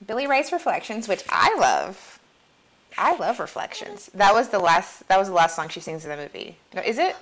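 A woman's voice: medium pitch, very animated, normal speed, a bit bright, poor audio. A woman co-hosting a podcast, chatting casually as she recaps a movie, laughing often and quoting characters along the way. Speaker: podcast co-host. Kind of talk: casual chat recapping a film.

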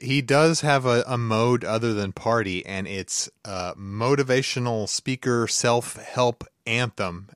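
A man's voice: medium pitch, clean tone, no echo, studio quality. A man co-hosting a music podcast, chatting casually and joking. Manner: jokey, quick to laugh. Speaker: podcast co-host. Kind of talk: casual chat.

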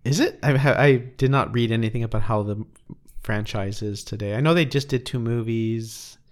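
A man's voice: mid-range voice, normal speed. A man from the United States co-hosting a podcast, chatting casually and often restarting as he searches for words. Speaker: podcast co-host. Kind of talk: casual chat.

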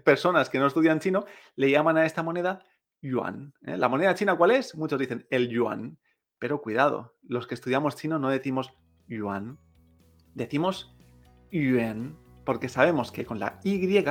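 Man, Chinese teacher, patient, repeats sounds, fairly high voice, faint background music. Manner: patient, repeats sounds slowly with frequent "¿eh?" checks. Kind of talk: pronunciation lesson.

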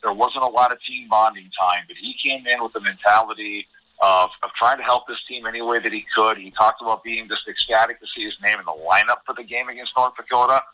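An American man appears as a guest on a podcast as a college hockey commentator, offering earnest, emphatic sports analysis in a conversational way and often repeating words. His lowish voice is sharp, fairly even in intonation, and brisk. The recording is low quality.

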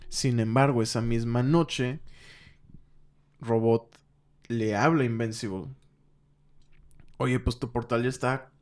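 A young Mexican man relaxedly walks through a comic book plot, his voice sitting at a middle pitch. When he quotes the characters he pushes his voice up, and he keeps it casual with lots of fillers. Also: fairly even intonation, slow, pauses often, clean tone. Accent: Mexican Spanish. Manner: acts out characters' lines with raised pitch. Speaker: podcast co-host recapping a comic book. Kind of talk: casual storytelling recap.

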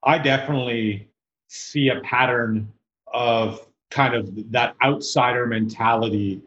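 A man from South Africa hosting an interview podcast, talking reflectively and haltingly, with repeated words. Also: mid-range voice, fairly bright tone. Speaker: podcast host. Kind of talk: casual interview chat. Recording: roomy, dull sound.

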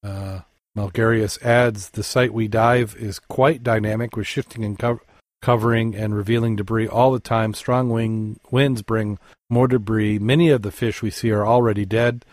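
A man co-hosting a podcast, reading dive news articles aloud and chatting, halting with fillers and self-corrections. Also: fairly low pitch, steady tone, no room sound, clean studio sound. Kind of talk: casual news reading and chat.

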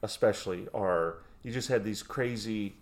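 A man in his forties with a fairly low voice co-hosts a podcast. He chats in a loose, nostalgic way, often circling back and restarting his sentences. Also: normal speed. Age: 40s. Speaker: podcast co-host. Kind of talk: casual chat.

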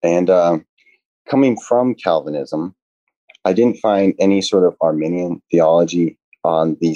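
A young man with a very low, dark voice talks earnestly as a podcast guest, stopping and restarting often. The sound is dry and dull. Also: no echo. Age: young adult. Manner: earnest, halting, many "uh" and restarts. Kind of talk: casual podcast conversation.

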